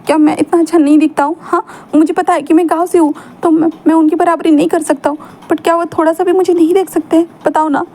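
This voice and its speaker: A woman's voice: very high voice, fairly even intonation, fast talker, few pauses, warm tone. Woman voicing a sobbing, stammering heartbroken young man. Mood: pleading. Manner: sobbing, stammering, repeating words. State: crying.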